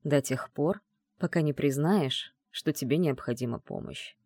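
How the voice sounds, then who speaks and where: A man voicing an arrogant male mage mentor who taunts in a calm, low, mocking tone, in an audiobook. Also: unhurried, no echo, studio quality. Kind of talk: audiobook dialogue reading.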